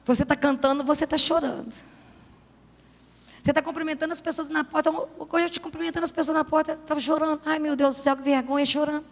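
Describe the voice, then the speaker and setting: A woman pastor preaching a sermon with passion, swinging from shouted calls to soft, confiding words. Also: sits high, fairly even intonation, fast, gravelly. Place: large church hall. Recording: reverberant church hall.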